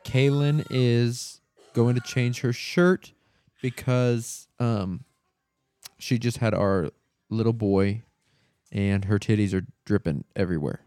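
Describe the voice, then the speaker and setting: A man's voice: mid-range voice, takes it slowly, mellow, dry recording. A young man hosting a casual podcast from a couch at home, rambling and joking crudely. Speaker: podcast host. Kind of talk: casual chat. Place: living room couch.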